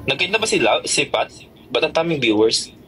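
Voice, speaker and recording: A man's voice: a little high, big pitch swings, brisk, a bit bright, a little hiss or hum, rough recording. Defensive man chatting on a livestream. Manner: defensive, repeatedly insisting he is not angry. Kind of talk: casual livestream chat.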